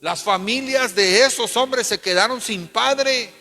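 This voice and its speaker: Emphatic preacher in a reverberant church. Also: male voice, very high-pitched, a little slow, bright, forceful tone, soft background music. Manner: emphatic, calls for responses. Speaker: pastor. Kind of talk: sermon.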